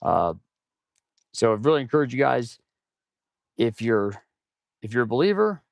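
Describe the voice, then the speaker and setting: Male livestream host, mechanic type. Low, creaky voice, stuffed-up nose, audible mouth breathing, informal rambling delivery, close dry sound. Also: very animated, normal speed, no room sound. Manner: rambling, informal, addresses viewers as "man" and "guys". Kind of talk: casual livestream chat while working.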